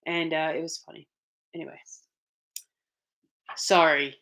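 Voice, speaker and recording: A woman's voice: low voice, level tone, a little slow, a bit bright. A young woman co-hosting a casual live stream, talking in a rambling way with many restarts and a lot of feeling. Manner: rambling, restarts often, emotional. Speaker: co-host of a paranormal channel.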